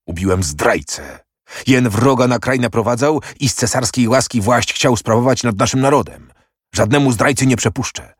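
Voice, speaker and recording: A man's voice: lowish voice, expressive, normal speed, darkish tone, no echo, close to an everyday voice. A man reading the part of a proud, impatient young prince who speaks curtly and mockingly. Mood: brusque. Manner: curt, brusque and mocking.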